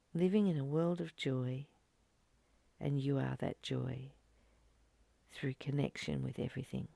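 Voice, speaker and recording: Her low-pitched voice carries vocal fry as she reads and comments on a reflective spiritual teaching, free of echo. The woman speaks in short, earnest, gently urging phrases with pauses.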